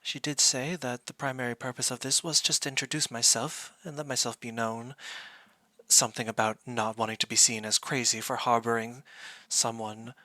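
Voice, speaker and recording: A man voicing a polite, curious extraterrestrial being on a game stream, speaking in a formal, measured, detached and wordy way. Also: medium pitch, pushed and bright, no echo. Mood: composed, polite. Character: polite, curious extraterrestrial star being inhabiting a human host. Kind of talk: in-character video game stream commentary.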